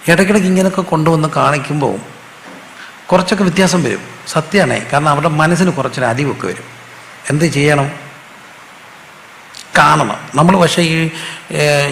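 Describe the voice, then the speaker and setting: A man's voice: fairly high pitch, gravelly, fairly bright tone. Man, pastor, call-and-response sermon, long hall reverb, faint background noise. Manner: asks the congregation questions and has them repeat answers.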